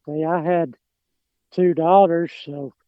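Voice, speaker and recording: A man's voice: fairly high pitch, fairly even intonation, takes it slowly, no echo, narrow, tinny audio. A middle-aged man with an Appalachian mountain accent chatting casually, rambling and hesitant, often trailing off. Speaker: podcast guest, lawn care business owner. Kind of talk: casual chat.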